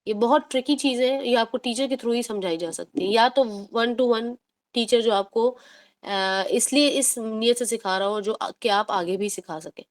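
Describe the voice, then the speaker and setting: Lady tutor explaining quran recitation rules, stretches words out slow when showing them, drops english words in. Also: on the high side. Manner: explains patiently, drawls recited words slowly to demonstrate; mixes English words into her talk. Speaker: tajweed teacher. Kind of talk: online tajweed lesson.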